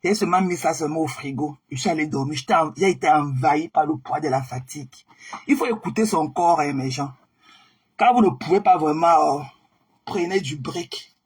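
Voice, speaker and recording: A woman hosting a casual live stream, chatting warmly with viewers and greeting them by name, often repeating herself. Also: sits low, fairly quick, slightly rough. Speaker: livestream host.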